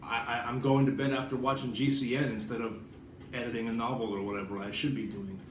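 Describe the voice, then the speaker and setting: A fast talker with a level tone and medium pitch, this American vlogger and writer runs through a casual, wandering monologue with some swear words. The sound is echoey, noisy and distant.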